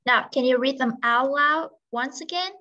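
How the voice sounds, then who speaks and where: A woman's voice: high-pitched, a little slow, pushed and bright. A woman tutoring English over a video call, patiently correcting pronunciation word by word. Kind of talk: online English lesson, mixing Vietnamese and English. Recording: dull lo-fi video call audio.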